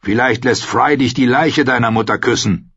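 A man reading an audiobook voices a brutal, scornful warrior who barks and shouts his commands. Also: medium pitch, moderate pace, breathy edge, no echo, dull audio, voice pushed up. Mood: harsh barking.

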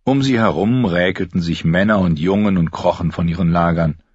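A man reading an audiobook as narrator, in a lively, expressive way, in a dry, slightly dull lo-fi recording. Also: low voice, moderate pace, breathy edge, no echo. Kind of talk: scripted narration.

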